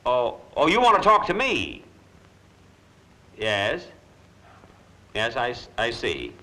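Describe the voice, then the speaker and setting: An American actor playing a broke, dithering lawyer in 1940s screwball comedy banter, dry and stammering. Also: male voice, medium pitch, huge pitch swings, slow, pushed and bright, exaggerated voice. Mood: flustered, indignant. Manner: dry wisecracking, flustered stammering. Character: broke, dithering male lawyer, putting on a brave front. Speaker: lead film actor.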